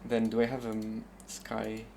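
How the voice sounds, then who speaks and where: Playing a game and thinking out loud, a streamer from the southern Paris suburbs speaks at normal speed in a French accent, peppering his casual remarks with hesitant fillers. His voice is lowish, monotone and gravelly yet a touch mellow, with a little hiss or hum behind it.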